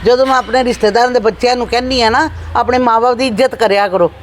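A woman playing a mild relative in a family skit, calmly agreeing and recounting. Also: fairly high pitch, fast, lightly acted. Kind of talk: amateur family skit acting. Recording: faint background noise.

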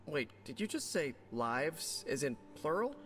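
A young, wisecracking superhero who covers nerves with quick jokes. His voice leaps high and swoops low as he talks. Soft game music hums behind him. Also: sing-song, breathy edge, full character voice. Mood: chatty. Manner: jokey, fast and playful, voice jumping high and low. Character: young male superhero, quippy and nervous. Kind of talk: video game voice acting.

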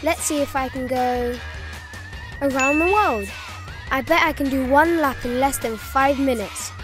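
Woman as a high, boastful cartoon alien runner. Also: a little slow, music in the background. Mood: breezy confidence. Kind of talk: cartoon toy-play character acting.

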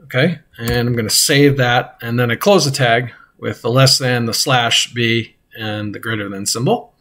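A man who teaches math, walking through a screen-recorded coding lesson in a halting way, with many fillers and restarts. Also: medium pitch, fairly even intonation, a bit bright.

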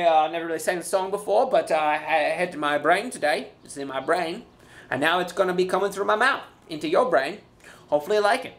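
A vlogger talking in a put-on accent, rambling in a comic way and stopping often to say uh and um. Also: mid-range voice. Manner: hesitant, full of uh and um, restarts. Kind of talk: rambling comic vlog talk.

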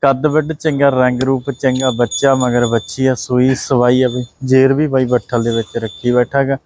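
A man's voice: medium pitch, flat delivery, normal speed, a little mellow, a little hiss or hum. A man with a Punjabi accent hosting a casual walkthrough of cows for sale on an outdoor dairy farm, repeating and praising each point. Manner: repetitive, praising, echoes answers. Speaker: livestock video host. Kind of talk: casual livestock sales walkthrough.

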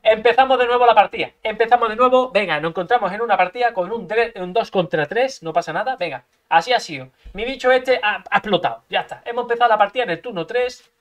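A man's voice: high-pitched, fast, hardly any pauses. A man from commentating his own card game match, talking to himself, swearing a lot, making sound effects and breaking into frustrated outbursts. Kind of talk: gameplay commentary.

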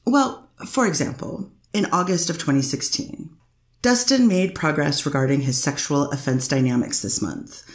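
A woman defense attorney cross-examines a witness in a courtroom, pressing with leading questions. Her voice sits low and she speaks at a moderate pace, in an echoey courtroom recording.

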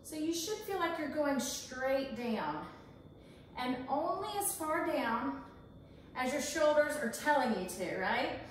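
Here the same kind of scene plays out: a fitness instructor in her forties exercises in a large indoor home kitchen, counting repetitions and urging the viewer on. She speaks slowly in a high voice with big swings in pitch, and a little hiss or hum is audible. Picked up by a camera across the room, her voice comes from far off amid kitchen echo.

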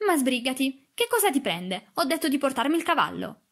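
A woman reading an audiobook, voicing a spoiled, imperious young girl who talks high and insistent. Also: lively intonation, moderate pace.

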